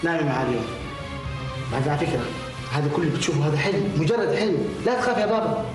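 A man's voice: a little high, racing, lightly acted. A man voicing a caring cartoon father. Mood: soothing. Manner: fatherly and soothing. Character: caring, slightly stern family father. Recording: distant, echoey, under loud music.

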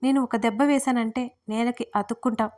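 A woman's voice: on the high side, fairly even intonation, brisk, darkish tone, close to an everyday voice. A woman voicing an impatient young husband who snaps irritably. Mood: irritated. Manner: snapping, irritated.

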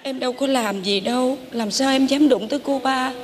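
An actress playing a long-suffering young wife with a Southern Vietnamese accent, speaking in soft, pleading tones on stage. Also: female voice, high-pitched, normal speed, faint music behind, close to an everyday voice. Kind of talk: stage drama acting. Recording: stage recording with background noise.

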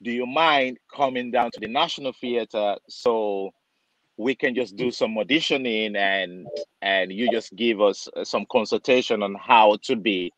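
A man from Nigeria who cuts hair for a living tells a chatty story over a video call in a lowish voice, acting out what others said and filling it with fillers. The webcam captures dry, dull, lo-fi audio.

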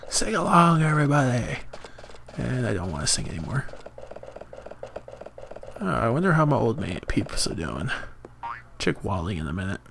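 A man giving casual, jokey gameplay commentary, animated and often yelping in surprise. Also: medium pitch, normal speed, vocal fry, pauses often, noisy background. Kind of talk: casual let's-play commentary. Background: game music.

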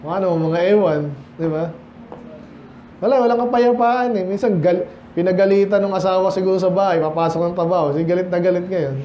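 At a church hall Bible study midweek, a pastor from the Philippines preaches conversationally in English and Tagalog, regularly asking the congregation questions. His high-pitched voice is brisk with fairly even intonation. The recording is dull and echoey, carrying a slight hiss or hum.

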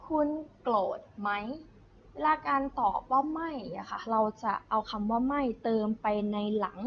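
A woman teaching a recorded remote high school language lesson, explaining patiently and repeating and drilling words aloud. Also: moderate pace, creaky, lo-fi sound, slight background noise.

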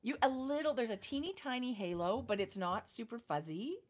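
A middle-aged woman chatting casually as a knitting podcast co-host, explaining her projects in detail with pauses and fillers. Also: a little high. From Canada. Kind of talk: casual chat.

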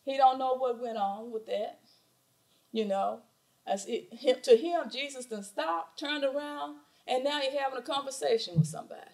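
A woman's voice: sits high, moderate pace, creaky, darkish tone, poor audio. A middle-aged woman with a Southern US accent preaching a sermon from a church pulpit, with rhetorical questions and emphatic repetition. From southern United States. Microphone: pulpit microphone.

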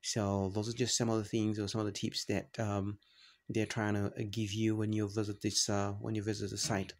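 Low, flat-voiced man narrating a travel vlog. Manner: halting, many fillers and restarts. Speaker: travel vlogger.

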